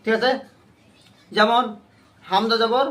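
A man's voice: very high-pitched, takes it slowly, a bit bright. A man teaching a Quran reading class, quizzing his students with short repeated questions and waiting for them to answer together. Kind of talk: call-and-response class lesson.

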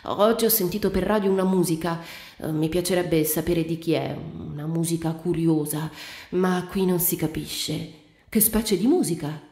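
A woman voicing a touchy, jealous aging male composer who is wary and quietly pleased when a rival fails, in a read-aloud story. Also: on the low side, fairly even intonation, normal speed, lightly acted. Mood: guarded. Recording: roomy reading with faint music.

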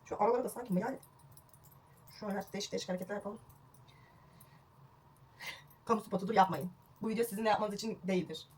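A woman's voice: medium pitch, steady tone, fast, pauses often, darkish tone, husky. A young woman vlogging a home haircut, chatty and self-mocking, recorded on a phone at home. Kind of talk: casual home haircut vlog. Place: at home indoors.

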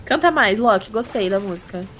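A woman's voice: medium pitch, expressive, a little fast, fairly bright tone, a little hiss or hum. A woman with a Brazilian accent chatting casually and teasingly while she streams a game. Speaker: gaming streamer. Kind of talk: casual live-stream chat while gaming. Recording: music playing behind. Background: music.

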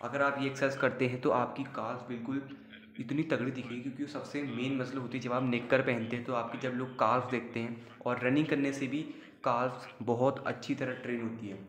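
Male fitness host, casual instructional voice-over, monotone delivery, roomy echo. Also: mid-range voice, brisk. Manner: casual, upbeat, urging viewers. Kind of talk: home workout instruction voice-over.

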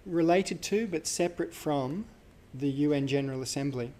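A man gives a live university lecture in a conversational way, thinking aloud with fillers and self-corrections. His voice is a little high and mellow, and he keeps a moderate pace.

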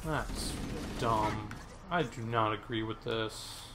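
A man's voice: fairly low pitch, takes it slowly, noisy background. A man giving frustrated, self-mocking running commentary while playing a video game. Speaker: let's play gamer. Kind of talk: gameplay commentary.

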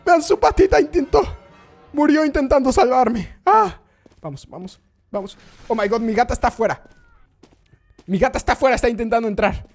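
A live gaming streamer commentating excitedly, often shrieking at the game and constantly talking to the chat. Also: medium pitch, fairly quick, long pauses, soft background music.

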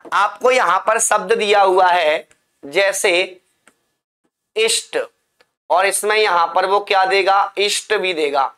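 A man's voice: high-pitched, unhurried, sharp tone. A male teacher giving a classroom spelling lesson, drilling and repeating words for his students. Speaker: Hindi teacher.

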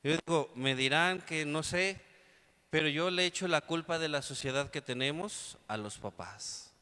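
Man, Mexican priest, sermon, storytelling, bright tone, hall reverb. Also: a little high, a little slow. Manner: storytelling, acts out quotes. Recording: long reverb of a large hall.

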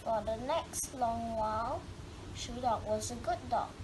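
At a measured pace, a woman with a slightly high voice gives a children's picture book an expressive read-aloud, lingering on words for drama. It was recorded at home with clear noise.

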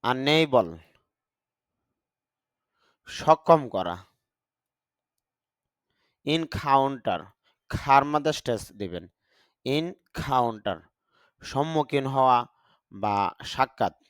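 A man teaching English vocabulary in Bengali, reading each word and its meaning in a deliberate, explaining manner, with a Bangladeshi Bengali accent. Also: medium pitch, lively intonation, clean tone, dry recording, clean studio sound. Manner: deliberate, spells out pronunciation. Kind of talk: slow vocabulary lesson, word then meaning.

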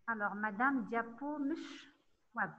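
A woman lecturer teaching an online class, talking haltingly with many fillers and checking in often with her students. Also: on the high side, bright, forceful tone. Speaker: university lecturer. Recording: tinny phone-like line.

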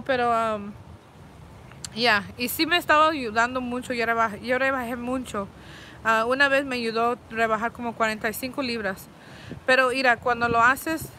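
Bright-voiced woman chatting outdoors. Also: fairly high pitch, a little hiss or hum. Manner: switches between Spanish and English mid-sentence; chatty, restarts words often with filler ums. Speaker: vlogger answering viewer questions. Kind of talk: casual chat. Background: faint street and vehicle sounds.

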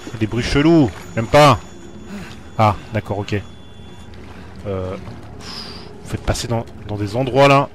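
A man's voice: on the low side, measured pace, pauses often, faint music behind. A man playing a horror video game and commenting live for viewers, jumpy and talking to the screen. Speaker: let's play gamer.

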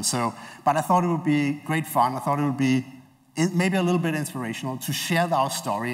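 A man in his forties giving a relaxed, hesitant conference keynote from a large stage, with many filler sounds. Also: mid-range voice. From Denmark. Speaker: keynote speaker. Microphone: headset mic. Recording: long hall reverb.

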